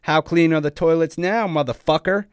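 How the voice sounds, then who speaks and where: A man voicing an enraged young man who shouts in clipped, seething bursts. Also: fairly high pitch, moderate pace, clear, resonant tone, dry recording, clean studio sound, voice pushed up, close to an everyday voice. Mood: raging.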